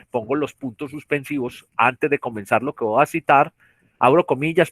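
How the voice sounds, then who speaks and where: A Colombian man teaches a class online, talking through rules at a measured pace. He often restarts his sentences and keeps asking whether the students follow. His voice sits in a middle range, and the sound is dry and close to the mic. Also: medium pitch, a bit bright, no room sound. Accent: Colombian Spanish. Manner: explanatory, repeats tag questions, frequent restarts. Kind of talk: virtual class lecture. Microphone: computer mic on a video call.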